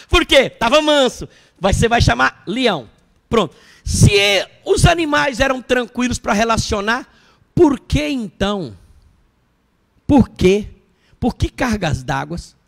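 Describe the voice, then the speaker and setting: A man, a bishop preaching a sermon at a church service. He tells the story in an animated way and puts questions to the congregation. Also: extremely high pitch, slow pace, gravelly, pauses often.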